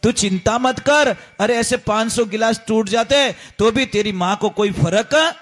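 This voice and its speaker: A man voicing a scolding middle-aged village mother-in-law, sharp and bossy in tone. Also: high-pitched, unhurried. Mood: doting.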